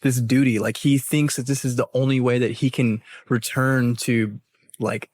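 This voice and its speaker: A man's voice: medium pitch, steady tone, normal speed, a little mellow. A man guest on a casual podcast, thinking aloud and reflecting at length on characters. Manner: thoughtful, reflective analysis. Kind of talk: casual chat.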